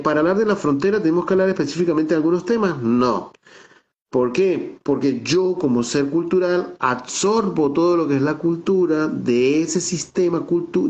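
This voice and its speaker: Heard through dull, lo-fi call audio, a middle-aged man from Táchira in the Venezuelan Andes talks as a guest about his theater directing work. His reflective explanation is long, full of restarts and fillers, and peppered with "¿no?". His voice is fairly high with a darkish tone.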